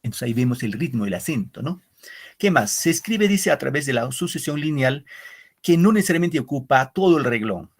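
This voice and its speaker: Gravelly teacher man, repeats himself. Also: medium pitch, animated, a little fast. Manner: explains with repetition and asks "¿no?" often; addresses pupils as "queridos muchachos". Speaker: literature teacher. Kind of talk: online class lecture.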